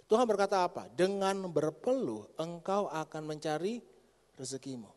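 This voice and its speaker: Man, pastor, middle-aged, lively sermon, high voice, long church reverb. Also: moderate pace. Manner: lively preacher, addresses congregation directly. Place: church hall.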